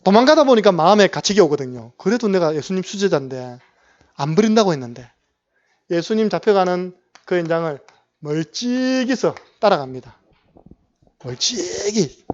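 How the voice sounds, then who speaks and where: A man's voice: sits high, sing-song, moderate pace, highs cut off. A male pastor with a Gyeongsang Korean accent, telling a Bible story in a sermon and often asking the congregation questions. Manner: storytelling preacher who asks the congregation questions and acts out quotes. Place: church sanctuary.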